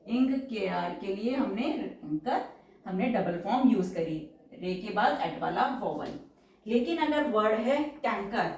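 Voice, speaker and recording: A woman teaching shorthand in a patient, step-by-step way, repeating each example word slowly. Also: a little high, darkish tone, distant mic. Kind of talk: step-by-step tutorial explanation. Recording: roomy echo, voice from off-mic.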